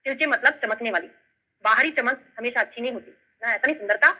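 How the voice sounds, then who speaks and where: Teaching online, a woman with a Bundelkhandi Hindi accent goes through Ayurveda material step by step, offering memory tricks and checking on her students. She talks quickly, her tone sharp and her pitch fairly high, on a low-quality recording.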